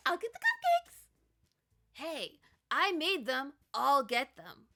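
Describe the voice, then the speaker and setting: A woman's voice: high-pitched, wildly swooping pitch, takes it slowly, vocal fry, bright, forceful tone, full character voice. A woman voicing a prickly, defensive teenage schoolgirl from a visual novel who talks in a huffy way. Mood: eager.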